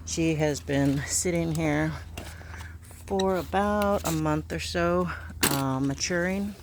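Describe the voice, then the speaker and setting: Man, slow halting delivery, slightly high voice, casual garden vlog, faint outdoor noise. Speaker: gardening vlogger.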